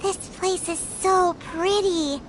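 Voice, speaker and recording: Paimon, a squeaky fairy. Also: female voice, takes it slowly, background noise. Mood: awed. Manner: excitable, wide-eyed. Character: tiny chirpy female fairy companion.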